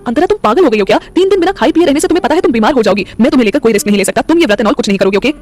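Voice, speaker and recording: A playful, joking young man who teases his friends and fusses over his partner, as a woman narrator puts him on. He talks very fast in this romantic audio story, with faint music behind him. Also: fairly high pitch, animated, darkish tone, close to an everyday voice. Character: young man, teasing, caring boyfriend.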